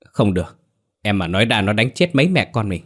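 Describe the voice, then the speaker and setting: A man's voice: fairly low pitch, sing-song, fairly quick, breathy edge. A man voicing a frightened pregnant young village girl who pleads and stammers through tears. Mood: pleading.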